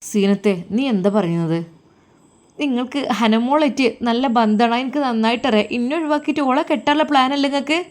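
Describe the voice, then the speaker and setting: A tearful young wife with a Malappuram lilt, played by a woman reading a storybook. Her voice sits high and shakes, as if on the edge of sobs. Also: brisk, lightly acted. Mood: accusing. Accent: Malappuram Malayalam.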